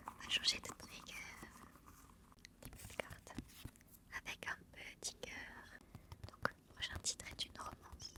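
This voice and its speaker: A woman whispering softly in a hushed library whisper, unhurried, as she presents books for an ASMR channel. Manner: soft, hushed, unhurried delivery, reading blurbs and commenting. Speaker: ASMR book channel host.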